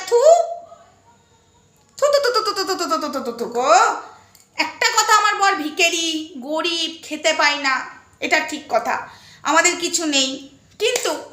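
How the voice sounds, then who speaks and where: A woman vlogger pours out a mocking, sarcastic rant aimed at a rival, jeering and scolding as she goes. Her voice sits high and sounds bright and sharp. The echo of a bare room rings around her. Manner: heated, spits and jeers.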